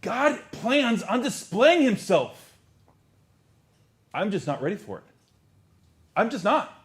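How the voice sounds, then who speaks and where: Animated male preacher, fairly high voice. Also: takes it slowly. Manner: dramatic swings from loud outbursts to hushed near-whispers; repeats words as he builds a point. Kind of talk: sermon. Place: church service.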